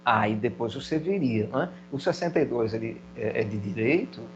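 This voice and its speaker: A man's voice: medium pitch, expressive, normal speed, muffled recording, background noise. Man teaching a recorded video lesson. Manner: explains step by step, voices student questions. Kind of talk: video lecture.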